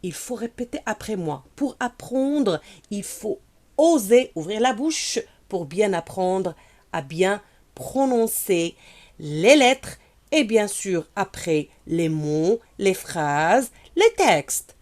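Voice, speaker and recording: A woman with a Moroccan accent teaching French pronunciation in a video lesson, drilling each sound slowly and asking viewers to repeat after her. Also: mid-range voice, big pitch swings, darkish tone. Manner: slow, deliberate, drills words and has viewers repeat; switches between French and Moroccan Arabic to explain.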